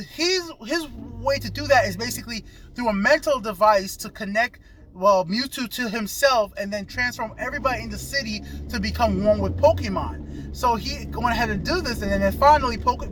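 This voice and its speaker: Now at normal speed but with an extremely high pitch, the video reviewer keeps up his loose, excited movie rundown. Vehicle sounds and ambient noise make the setting noisy.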